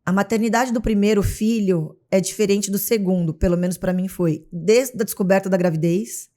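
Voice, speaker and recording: This interview show guest is a Brazilian woman with three children. Her medium-pitched voice moves at a moderate pace, and she tells stories casually and with animation, acting out the scenes in her Brazilian Portuguese accent.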